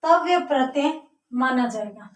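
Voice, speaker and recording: A woman's voice: sits high, animated, measured pace, distant mic. A woman teaching a grammar lesson, explaining step by step and answering her own questions. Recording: echoey room, voice from off mic.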